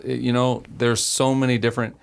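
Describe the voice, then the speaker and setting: A man's voice: medium pitch, little pitch movement, moderate pace, creaky, clean tone. A man co-hosting a podcast, reacting in casual chat with short exclamations. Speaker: podcast co-host.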